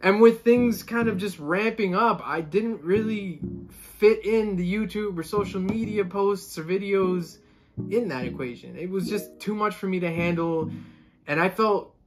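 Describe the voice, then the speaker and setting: Over music, a young Colombian-born saxophonist in his twenties vlogs from a room at home, seated in front of the camera. His voice is high-pitched and a little slow, and he chats casually while gesturing with both hands.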